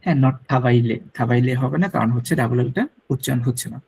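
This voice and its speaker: A man's voice: medium pitch, steady tone, fast, vocal fry, darkish tone, a little hiss or hum, low-quality recording. A man teaching a French lesson to students, patiently repeating pronunciation drills. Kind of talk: classroom lecture.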